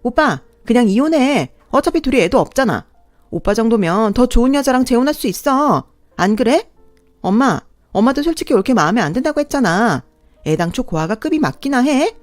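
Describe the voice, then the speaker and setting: A woman's voice: a little high, expressive, fairly quick, no room sound, voice pushed up, close to an everyday voice. A spoiled, entitled young woman, as a woman plays her in a radio drama, sneering and whining at her family. The sound is dry and close, with a little music underneath. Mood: mocking. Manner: mocking, whiny, entitled. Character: bratty, spoiled young woman sister-in-law.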